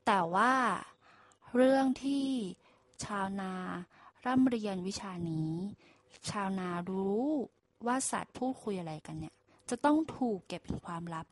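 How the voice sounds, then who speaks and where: A woman's voice: medium pitch, lively intonation, unhurried, dry recording. A woman casually retelling a fable to listeners, chatty, with asides and self-corrections. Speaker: storyteller.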